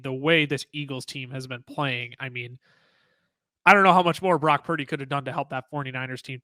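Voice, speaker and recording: A man co-hosting a sports podcast, talking excitedly in casual chat with many restarts. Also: medium pitch, no room sound. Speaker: podcast co-host.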